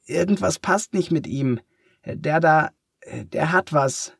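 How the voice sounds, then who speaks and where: A man voicing an excitable, curious schoolboy whose voice cracks upward with excitement. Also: fairly low pitch, slow pace, gravelly, no echo, clean studio sound, pitched above the performer's own voice, full character voice. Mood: excited.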